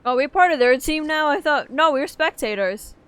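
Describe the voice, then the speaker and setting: A woman's voice: high voice, expressive, a little fast, fairly bright tone. A woman streamer chatting casually with wry asides while playing a game.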